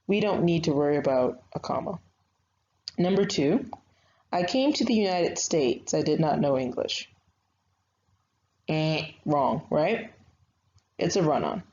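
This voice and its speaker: A woman's voice: low-pitched, darkish tone. A young woman writing instructor giving a recorded online grammar lesson, talking patiently and conversationally with frequent fillers. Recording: slightly dull lo-fi sound with faint noise.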